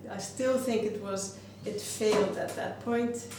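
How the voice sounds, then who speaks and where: A glass artist from Iceland talks reflectively about her creations, often pausing as she searches for what to say. Her medium-pitched voice stays steady and measured. Noise fills the background of a very roomy recording made with a faraway mic.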